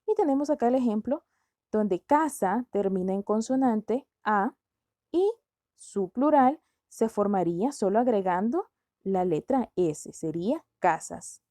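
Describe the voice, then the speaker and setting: A woman teaches a grammar lesson, working through examples and pausing to pose questions to her students. Her voice sits somewhat high but sounds mellow and warm. The recording is dry and close, with no room sound. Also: no echo. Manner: explains step by step, asks rhetorical questions.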